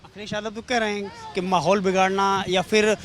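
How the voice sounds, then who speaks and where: A man's voice: sits high, flat delivery, brisk. A male reporter interviewing people outdoors, probing with his questions and rephrasing them as he goes.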